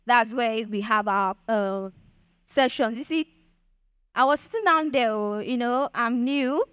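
Chatty young Nigerian woman, smooth voice. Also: fairly high pitch, a little slow, a bit bright, dry recording. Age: young adult. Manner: chatty, keeps asking "do you understand?". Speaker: speaker at a Bitcoin event. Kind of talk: motivational talk to an audience.

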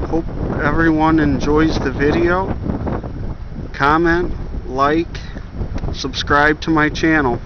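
A man filming outdoors on a windy riverbank and narrating slowly and casually from behind a handheld camera. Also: fairly high pitch. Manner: slow, laid-back narration. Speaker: vlogger filming ships. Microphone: handheld camera mic. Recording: lo-fi camera audio with loud wind noise.

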